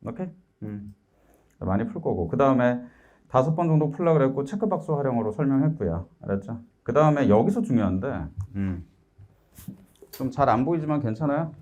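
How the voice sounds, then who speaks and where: Man, middle-aged, math lecturer, animated pitch, keeps checking students follow. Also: a little fast, dull audio. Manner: lively, keeps asking "알았죠?" to check understanding; acts out students' complaints in a raised voice. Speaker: math instructor.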